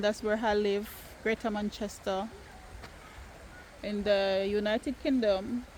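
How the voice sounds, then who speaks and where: A Jamaican woman chats through her family vlog outdoors, emphatic and quick to argue her point in good humour. Her voice sits fairly high. Faint countryside ambience hums behind her. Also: slight background noise. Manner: animated, emphatic, playfully argumentative. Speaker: vlogger. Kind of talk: casual family vlog chat.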